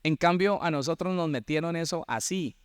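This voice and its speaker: A man in his sixties with a Colombian accent, preaching a sermon that retells personal stories in an animated way, with repetition and acted-out dialogue. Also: fairly high pitch, normal speed, clean tone, no echo, studio quality. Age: 60s. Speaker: pastor.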